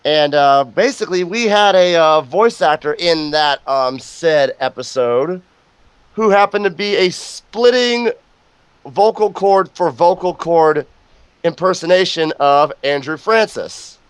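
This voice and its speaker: A man's voice: on the high side, lively intonation, a little slow, smooth, dry recording. A man hosting a casual online show over a voice call, a little sick and coughing, with playful, theatrical announcing. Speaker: host.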